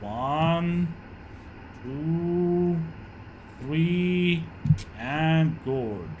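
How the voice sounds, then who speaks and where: A man's voice: a little high, drawn-out words, darkish tone, highs cut off. A man giving live flight simulator airshow commentary, narrating each move in clipped phrases as he flies. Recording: clearly noisy background.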